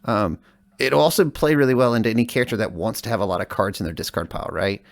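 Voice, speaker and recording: A man's voice: fairly low pitch, gravelly, dry recording. A man co-hosting a casual podcast, talking with plenty of filler words. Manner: fast, uses many fillers. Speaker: podcast co-host. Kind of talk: casual podcast chat about a card game.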